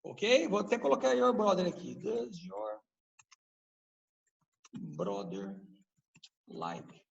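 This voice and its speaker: A male teacher leads a live online grammar lesson at his computer. He talks slowly and deliberately, pausing to quiz his students. His voice sits high for a man. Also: big pitch swings, creaky, lo-fi sound. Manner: explains patiently, quizzes the class with questions. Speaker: English teacher.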